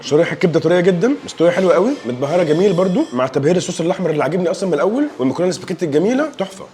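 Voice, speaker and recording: A young Egyptian man talks through a food tasting in a casual vlog. His speech is very fast and his voice sits a little high. He jokes and gushes between bites, with a clear Egyptian Arabic accent. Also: expressive, a little mellow, soft background music. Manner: playful, joking, enthusiastic tasting remarks. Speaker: food reviewer.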